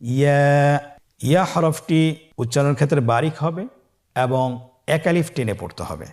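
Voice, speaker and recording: A man teaching Quran letter pronunciation step by step, slowly drawing out each letter for the listener to repeat. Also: a little high, very animated, darkish tone. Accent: Bangladeshi Bengali. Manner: slow, drawn-out model pronunciations for the listener to repeat.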